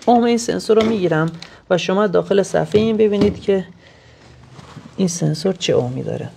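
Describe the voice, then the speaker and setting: A woman's voice: mid-range voice, gravelly, mellow, a little hiss or hum. Woman explaining sensor tests step by step. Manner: explains step by step, thinking aloud with fillers. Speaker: technician demonstrating sensor tests. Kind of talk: hands-on technical tutorial.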